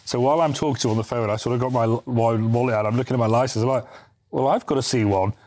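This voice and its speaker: A man's voice: mid-range voice, fairly even intonation, racing, darkish tone. A man from Britain, a charity volunteer guest, telling a story in a chatty, anecdotal way. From United Kingdom. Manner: chatty, anecdotal, with restarts and asides. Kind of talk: casual interview storytelling.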